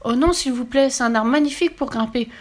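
A woman voicing a sweet, timid little girl who pleads in a high voice in a storybook reading. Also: fast. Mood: pleading. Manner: pleading and frightened.

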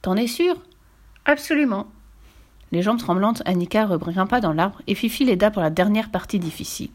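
A woman reading a children's story aloud with gentle, expressive narration. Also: medium pitch.

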